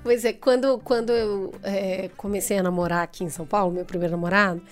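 A woman's voice: mid-range voice, steady tone, a little fast, faint music behind. A woman hosting a podcast, chatting casually and telling anecdotes. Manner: chatty, tells anecdotes with acted quotes. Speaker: podcast host. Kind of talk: casual chat.

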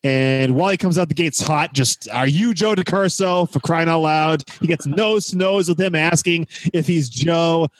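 A man hosting a casual film review chat, recapping in an animated way and stressing key words. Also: fairly high pitch, normal speed, few pauses, no room sound. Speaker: podcast host.

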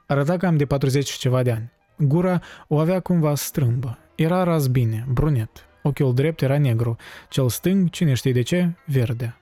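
A man reading a classic novel aloud, measured and expressive. His voice is mellow and dark, recorded close and dry, with faint music underneath. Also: mid-range voice, no room sound. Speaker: narrator.

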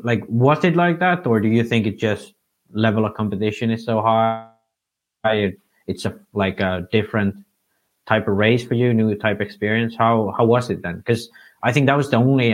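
A man from Finland with a Finnish accent, co-hosting a podcast and asking long, halting questions as he searches for words. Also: lowish voice. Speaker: podcast co-host. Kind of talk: casual interview chat.

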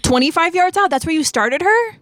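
A radio co-host chatting casually, tossing in quick teasing questions and short agreements. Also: very high voice, animated, a crowd in the background.

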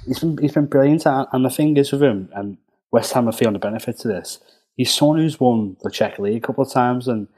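A man's voice: medium pitch, fast talker, a little mellow. A man with a Scouse accent giving football analysis on a podcast, thinking aloud with frequent restarts. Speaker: football pundit. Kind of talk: casual podcast chat.

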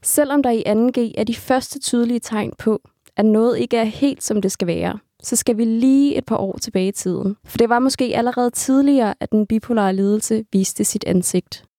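Female narrator, higher-pitched, mellow, measured documentary voice-over. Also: dry recording, studio quality. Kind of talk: scripted narration.

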